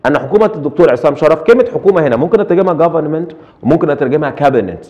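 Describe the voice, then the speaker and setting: A man's voice: on the high side, animated, very fast, darkish tone, dull audio. A middle-aged man with an Egyptian accent giving a translation lecture, asking rhetorical questions and dropping English terms into his Arabic. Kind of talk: recorded lecture.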